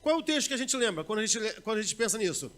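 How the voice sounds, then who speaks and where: Very animated and rapid-fire, a Brazilian man preaches a sermon that swings from loud bursts to low murmurs. In conversational asides he acts out everyday quotes.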